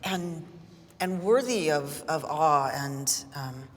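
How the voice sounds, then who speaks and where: A woman's voice: low-pitched, lively intonation, takes it slowly, big-room sound. A woman in her fifties, a rabbi, speaking reflectively in a panel discussion and searching for her words. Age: 50s.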